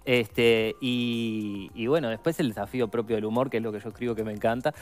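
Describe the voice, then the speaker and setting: A man's voice: mid-range voice, steady tone, fairly quick, soft background music. A man with a Uruguayan accent, a film writer and director chatting casually as an interview guest, easygoing and full of fillers. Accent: Uruguayan Spanish. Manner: easygoing, uses many fillers like "este".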